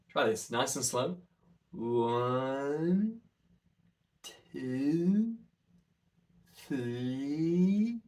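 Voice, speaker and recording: A man coaching an articulation warm-up in an instructional, demonstrative way, with careful enunciation. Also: medium pitch. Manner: demonstrative, over-enunciates counts and sounds.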